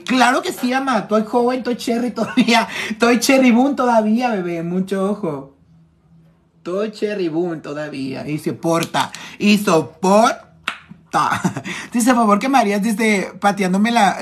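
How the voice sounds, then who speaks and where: A male makeup artist from Tijuana, speaking with a northern Mexican accent in a high voice, chats flamboyantly and teasingly on a phone live stream as he reads viewers' comments. There is slight background noise.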